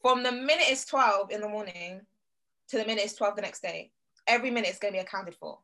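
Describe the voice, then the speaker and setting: A woman's voice: medium pitch, fast talker, pushed and bright. A young British woman chatting casually in a group, emphatic and given to repeating her phrases.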